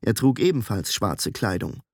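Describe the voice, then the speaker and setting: Calm male audiobook narrator. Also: on the low side, moderate pace, husky, dry recording, clean studio sound. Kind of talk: scripted narration.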